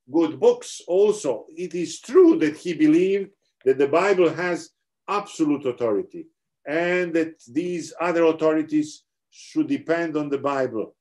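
With a voice on the high side and a darkish tone, a middle-aged Serbian-accented man lectures on theology over a video call in an online seminar. He speaks earnestly to explain, frequently starting over.

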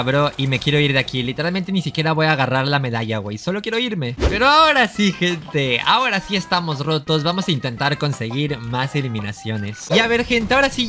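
A young man with a slightly high voice commentates his own match in an excited rush, repeating his exclamations and trash-talking the players he fights. Music plays clearly underneath his voice. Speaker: gaming YouTuber. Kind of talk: live gameplay commentary. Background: background music.

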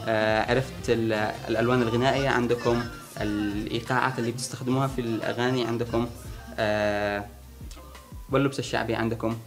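Young guy from sanaa, quick but thinking out loud, soft music behind. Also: medium pitch, steady tone. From Sanaa region, Yemen. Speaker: conversation partner answering. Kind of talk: casual chat between friends.

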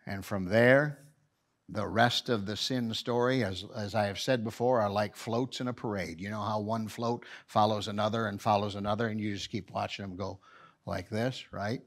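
A man preaching a sermon, telling Bible stories with lively acted-out voices and dropping to a hush in prayerful moments. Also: lowish voice, normal speed. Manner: animated storyteller, acting out voices, swinging from hushed to loud. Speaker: pastor. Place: church.

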